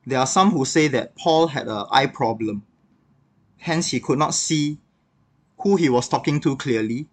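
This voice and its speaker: A man's voice: mid-range voice, a little slow. Male devotional speaker, mid-range voice, reflective teaching tone, casual with light fillers. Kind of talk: scripted devotional talk.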